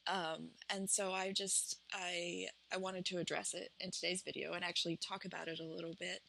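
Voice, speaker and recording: A woman with an Appalachian accent chatting casually and unscripted as a vlog host, in a halting, reflective, self-conscious way. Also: on the low side, flat delivery, vocal fry, sharp tone, slight background noise. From Appalachian United States. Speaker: vlog host and small business owner. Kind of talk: casual, unscripted chat to camera.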